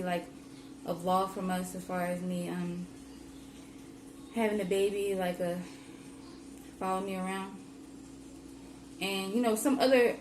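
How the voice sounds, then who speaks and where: A young woman hosting a vlog, chatting casually to camera with lots of "like" and "um" fillers. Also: medium pitch. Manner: chatty, rambling, many "like" and "um" fillers. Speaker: vlogger host. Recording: roomy with steady background noise.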